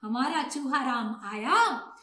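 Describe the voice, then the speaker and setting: Slow high-voiced woman storyteller. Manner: slow, expressive, asks children questions. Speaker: children's storyteller. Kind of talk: storytelling for children. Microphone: video call webinar. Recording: echoey room.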